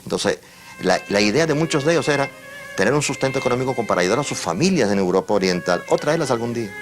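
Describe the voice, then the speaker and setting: A man's voice: mid-range voice, animated, quick pace, music in the background. A man in a documentary interview, explaining things with small hesitations.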